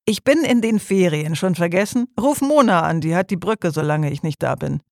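A man's voice: high-pitched, lively intonation, moderate pace, creaky, no room sound, studio quality. A man doing a laid-back pathologist on holiday. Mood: teasing. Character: relaxed male forensic pathologist on holiday.

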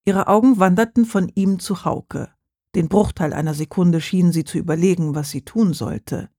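An audiobook reader narrating a crime novel in a calm, steady way. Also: mid-range voice, normal speed, no echo, studio quality.

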